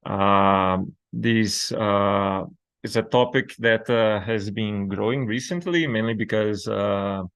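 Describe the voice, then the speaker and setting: A man's voice: lowish voice, slow, a bit bright, clear, resonant tone, no room sound. A man giving an academic seminar lecture over a video call, often repeating words as he goes. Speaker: invited seminar speaker. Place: Brazil. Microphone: video call microphone.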